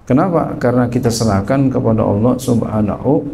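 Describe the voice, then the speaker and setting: Gravelly teacher. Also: male voice, mid-range voice, fairly quick, a little hiss or hum. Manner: reads Arabic text then explains it in lively colloquial speech. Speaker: Islamic teacher. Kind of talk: kitab study lesson.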